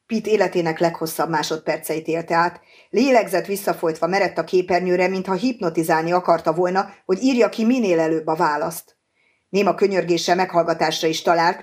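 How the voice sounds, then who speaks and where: A woman reads a novel aloud as the audiobook narrator. Her voice is slightly low, and her storytelling stays even and clear. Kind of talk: scripted narration.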